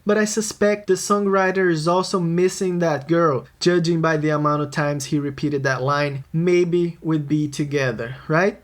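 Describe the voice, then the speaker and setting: A man, a music producer, narrating a scripted songwriting tutorial and answering his own questions. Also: sits high. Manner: explanatory, posing and answering questions.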